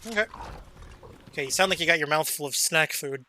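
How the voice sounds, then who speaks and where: A man's voice: fairly high pitch, a little fast, sharp tone, a little hiss or hum. A man streaming a game, chatting casually and rambling, with a casual swear here and there. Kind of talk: casual gaming chat.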